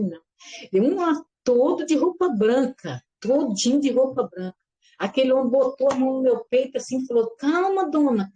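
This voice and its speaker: A middle-aged woman giving a lively personal religious testimony, acting out the voices in her story and calling her listeners brothers and sisters. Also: sits high, breathy edge. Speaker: church member giving testimony.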